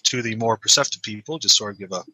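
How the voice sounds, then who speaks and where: A man's voice: on the low side, quick pace, sharp tone, slightly rough, no echo, poor audio. A man playing a tabletop game, hesitantly describing his character's gestures with many fillers. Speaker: player. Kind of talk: casual tabletop play.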